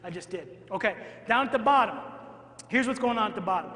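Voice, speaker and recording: A man, a football coach, giving an energetic clinic talk to an audience and often asking "all right?" as he goes. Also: high voice, fairly quick. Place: large hall at a clinic. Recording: echoey hall, long reverb.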